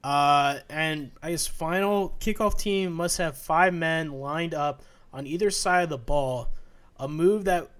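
Halting young man in casual sports chat. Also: on the high side, a bit bright. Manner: halting, many restarts and fillers. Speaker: podcast co-host.

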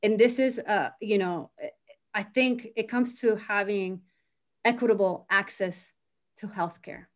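A woman is a guest in a casual interview, speaking at medium pitch and a measured pace. She's talkative and keeps sprinkling in "you know" and "right?".

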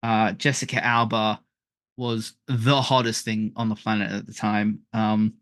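A man's voice: fairly low pitch, little pitch movement, measured pace, a bit bright, no echo. A man co-hosting a comics film podcast, talking casually and with enthusiasm about the cast. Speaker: podcast co-host.

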